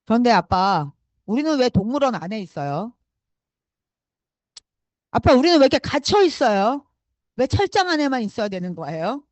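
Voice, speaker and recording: A woman's voice: fairly high pitch, very animated, moderate pace, long pauses, no room sound. A woman doing a curious young lion cub. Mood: plaintive. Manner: eager questioning.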